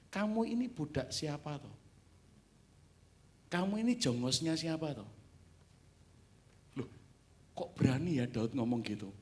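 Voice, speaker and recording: A man preaching a sermon in a church, animated, swinging from quiet asides to loud exclamations. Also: mid-range voice. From Indonesia. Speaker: pastor. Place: church sanctuary.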